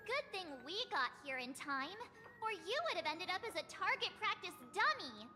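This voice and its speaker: Brief: a spirited, teasing young heroine, high and animated, game score behind. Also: female voice, moderate pace, exaggerated voice. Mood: brash. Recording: reverberant game audio with music.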